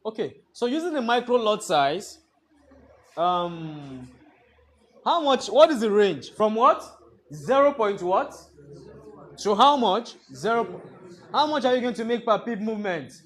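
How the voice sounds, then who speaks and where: A man with a notably high voice leads a trading lesson in a classroom. He lectures and keeps throwing half-finished questions at the students for them to complete. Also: expressive, unhurried, long pauses. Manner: quizzing the class with fill-in-the-blank questions. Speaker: trading instructor.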